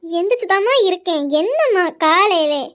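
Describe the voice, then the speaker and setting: Woman doing a sulky lazy daughter, whiny, cheeky, very high voice. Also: expressive, normal speed, a bit bright. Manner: whiny, cheeky, talks back. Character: cheeky, lazy, sulky girl who oversleeps. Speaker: lazy teenage daughter in a family skit. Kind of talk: comic family skit acting.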